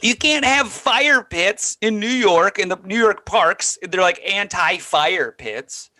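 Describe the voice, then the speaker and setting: Man, co-host, bright ringing voice, slightly high, animated storyteller. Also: takes it slowly. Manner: animated storytelling, jumps in pitch when quoting others. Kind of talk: casual podcast banter.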